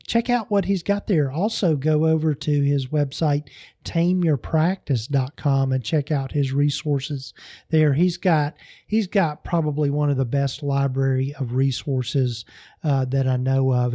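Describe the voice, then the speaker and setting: A male podcast host with a fairly high, warm voice, rambling through a casual sign-off full of restarts. The sound is dry and close, with faint music behind him. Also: no room sound. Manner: rambling, many fillers and restarts.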